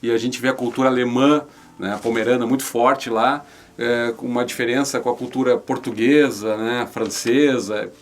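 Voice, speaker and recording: A man's voice: medium pitch, steady tone, moderate pace. A man with a southern Brazilian accent from Rio Grande do Sul, answering conversationally as an interview guest, repeating words and often seeking agreement with little tags. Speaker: interview guest, regional newspaper representative.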